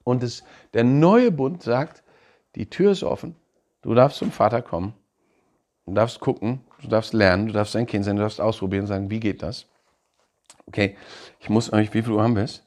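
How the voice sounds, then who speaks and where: A man preaching a sermon in an animated way, laughing now and then and acting out quoted voices. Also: lowish voice, normal speed. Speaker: pastor.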